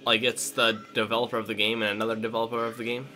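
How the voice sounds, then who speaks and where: Man, let's play co-host, bright and easy voice, jokey rambling chat, quiet game music behind. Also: medium pitch, flat delivery, very fast. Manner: jokey, chatty, rambling with many "like"s. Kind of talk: casual gameplay chat.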